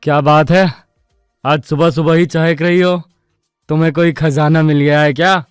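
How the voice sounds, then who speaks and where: A woman's voice: low voice, steady tone, moderate pace, clean tone, no room sound, studio quality, soft background music, pitched below the performer's own voice, close to an everyday voice. A woman voicing a young husband teasing his wife in a dramatized story.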